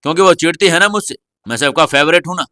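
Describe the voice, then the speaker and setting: A man voicing a proud little boy in an audio story, boastful and quick to whine. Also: on the high side, sharp tone, no echo, clean studio sound. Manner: boastful, whiny pleading. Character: small boy, proud and easily hurt.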